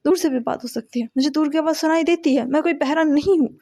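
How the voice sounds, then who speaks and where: A woman's voice: high-pitched, fast, mellow, natural voice. A woman voicing a stern, easily flustered older man in a read-aloud story, speaking curtly and irritably. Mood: grumpy. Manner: curt, irritated.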